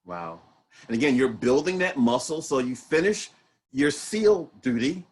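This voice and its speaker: A male talk show host with a husky, slightly breathy voice at an ordinary pitch for a man. He talks in a relaxed, conversational way. He keeps checking details with his guest and asking him to confirm them. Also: measured pace. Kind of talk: casual interview.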